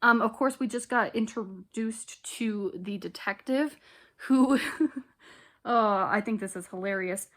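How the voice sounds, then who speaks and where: A woman's voice: medium pitch, slow pace. A young woman vlogging casually from her bedroom, chatty and giggly as she thinks aloud. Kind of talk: casual chat.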